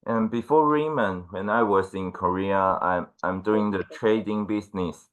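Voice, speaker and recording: A man, a Mandarin speaker, presenting informally and haltingly on an online call. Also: fairly low pitch, lo-fi sound. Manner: hesitant, halting English. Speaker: guest team leader speaker.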